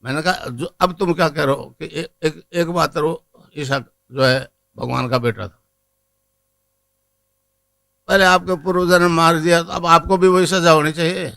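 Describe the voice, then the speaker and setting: A man's voice: fairly high pitch, moderate pace, gravelly, long pauses, sharp tone. An older man, a guru, giving a rambling spiritual discourse to a gathering and chanting a mantra. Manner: digressive, teaching, chants a mantra.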